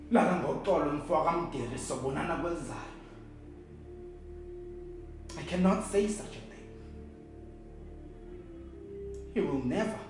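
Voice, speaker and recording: An actor with a South African accent and a rather high voice performs a theatrical monologue as a grieving, bitter man giving a halting, emotive funeral eulogy. The mood is bitter grief, in a very echoey room with music behind.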